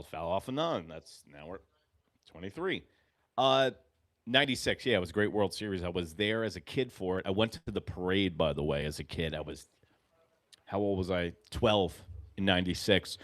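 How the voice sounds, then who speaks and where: A man in his forties from New York hosting a live fan reaction stream, calling pitches and drifting into rambling, profane stories, swinging between muttering and shouting. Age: 40s. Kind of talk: live game-reaction commentary.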